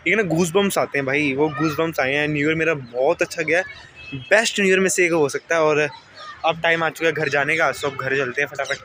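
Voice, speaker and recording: A young man with a hoarse voice, chatting casually and tiredly to the camera in a daily vlog. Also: on the high side, bright, forceful tone, slight background noise. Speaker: vlogger. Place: outdoors then at home.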